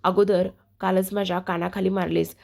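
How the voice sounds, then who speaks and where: A woman's voice: lowish voice, little pitch movement, normal speed, vocal fry, darkish tone. A woman doing a scheming, scolding older aunt. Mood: fake wailing. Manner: scolding, wailing, theatrical.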